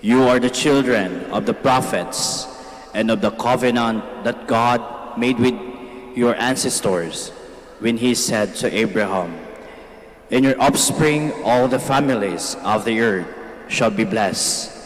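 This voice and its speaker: A man reading scripture and psalms as a lector, solemn and measured, in a large church with cathedral echo. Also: mid-range voice. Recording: cathedral echo, long reverberation.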